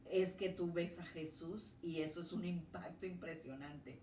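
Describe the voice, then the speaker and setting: A woman with a low, deep voice preaches a sermon and tells her own story with earnest feeling. She sounds set back from the mic, in a reverberant church hall, with faint room noise underneath. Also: steady tone, unhurried, mellow. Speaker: preacher giving testimony. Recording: echoey church hall from a distance.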